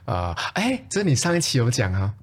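A man's voice: mid-range voice, wildly swooping pitch, normal speed, husky. A man co-hosting a podcast in casual chat, mostly listening and breaking in with short, skeptical remarks. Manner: brief, skeptical interjections. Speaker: podcast co-host.

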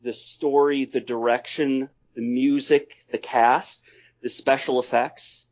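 A man talking casually as a podcast guest, halting and deliberate as he discusses films. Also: mid-range voice, steady tone. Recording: slightly dull, compressed audio.

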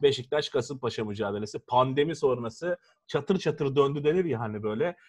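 Fast-talking man debating football. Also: mid-range voice, darkish tone. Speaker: football pundit. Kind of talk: casual sports discussion.

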